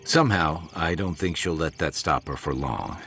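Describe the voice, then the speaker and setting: Steady fantasy game companion, very deep, gravelly, lively intonation. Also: male voice, normal speed, faint music behind. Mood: calm. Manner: calm and reassuring. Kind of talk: video game voice acting.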